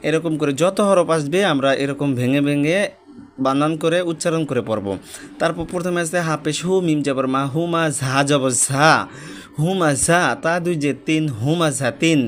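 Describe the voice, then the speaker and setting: A man's voice: a little high, moderate pace. A man teaching Quran reading step by step, spelling each letter with its vowel mark and joining the syllables patiently. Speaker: religious teacher.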